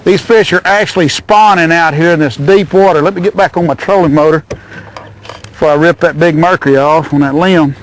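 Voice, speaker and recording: On a small boat out on a lake, a middle-aged man hosts a fishing show, hollering and cooing at the fish as he reels them in. His voice is fairly high and a little fast, and the excitable outdoor commentary carries a slight hiss or hum.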